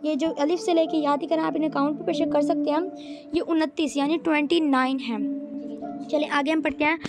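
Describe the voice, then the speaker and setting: A woman's voice: sits high, steady tone. A woman with a Pakistani Urdu accent teaching Quran reading step by step, repeating each point and speaking straight to viewers. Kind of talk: patient step-by-step lesson. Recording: music playing behind voice.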